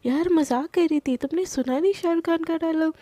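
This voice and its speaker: A woman's voice: extremely high pitch, a little fast, mellow, dry recording. A woman storyteller voicing a playful, carefree young woman who teases in slangy banter. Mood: teasing. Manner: chatty slangy teasing banter.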